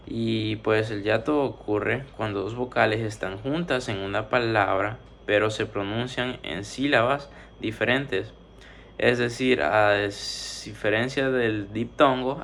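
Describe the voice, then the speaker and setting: A man's voice: lowish voice, gravelly, a little hiss or hum. A man teaching a spoken grammar lesson, methodically working through numbered exercises and drawing out syllables as he splits words. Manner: steady explaining, drawn-out syllables.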